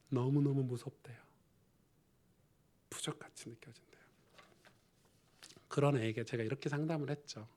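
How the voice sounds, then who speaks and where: A male pastor preaching a sermon in a chatty storytelling manner that swings from loud emphasis to hushed near-whispers. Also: mid-range voice.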